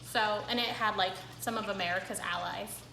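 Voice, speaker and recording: A woman's voice: mid-range voice, steady tone, moderate pace, gravelly, pushed and bright, a little hiss or hum. Chatty young woman, echoey room. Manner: chatty, rambling with fillers. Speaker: cooking vlog host. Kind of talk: casual talk to camera.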